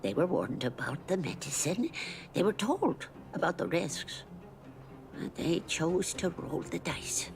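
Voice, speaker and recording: A woman voicing a game character, a mother sadly recounting a family's tragedy in soft, sorrowful dialogue. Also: on the low side, animated, unhurried, vocal fry. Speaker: game character, a mother telling a sad story.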